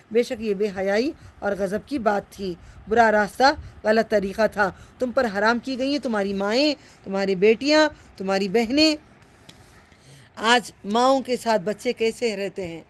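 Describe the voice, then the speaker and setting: Impassioned woman teaching a Quran lesson. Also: medium pitch. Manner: impassioned, exhorting, repeats phrases for emphasis.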